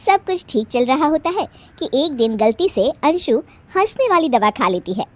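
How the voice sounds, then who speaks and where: A woman's voice: sits high, big pitch swings, normal speed, a little mellow. A woman narrating a cartoon moral story in a plain storybook manner.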